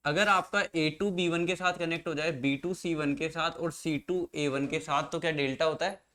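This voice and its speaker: A man's voice: on the high side, fairly even intonation, normal speed, pushed and bright. Man teaching a classroom lecture. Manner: explains step by step, asks students questions. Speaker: engineering exam teacher.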